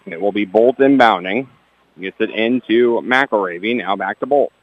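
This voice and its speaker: A man's voice: lowish voice, lo-fi sound. A man giving play-by-play commentary on a basketball game, rattling off each pass and adding dry asides about the officiating. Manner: rapid player-by-player calls, dry asides about the refs. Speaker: play-by-play announcer.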